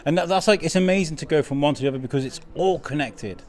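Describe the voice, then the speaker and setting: A man's voice: fairly high pitch, animated, quick pace, a little mellow. A man hosting a casual podcast interview in a rambling, appreciative way. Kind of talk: casual chat. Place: busy wellbeing festival venue. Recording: outdoor-like hubbub of festival crowd. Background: crowd chatter.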